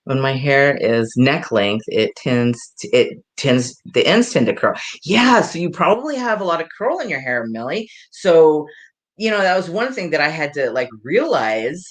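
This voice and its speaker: Her voice is low, with big swings in pitch, and she talks at a moderate pace. As a hairdresser and salon owner, she runs a live hair tutorial, rambling and laughing while chatting with viewers.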